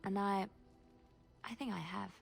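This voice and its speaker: Gentle, wistful woman companion. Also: mid-range voice, fairly even intonation, measured pace, vocal fry, slightly rough, faint music behind, exaggerated voice. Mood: tender, sincere. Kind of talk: video game dialogue acting.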